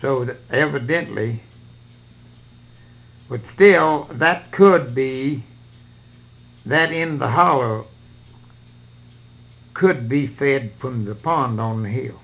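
A man's voice: mid-range voice, slow pace, long pauses. An older man, chatting casually about farm life in folksy, ungrammatical country speech on a narrow, tinny recording. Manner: folksy rural speech with nonstandard grammar. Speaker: farmer being interviewed.

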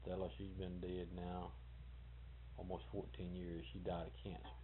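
A man's voice: low-pitched, completely flat delivery, moderate pace. A man, rambling and correcting himself as he tells family history in a casual interview. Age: 40s. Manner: rambling, folksy, self-correcting. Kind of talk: casual oral history talk. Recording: tinny old tape with hiss.

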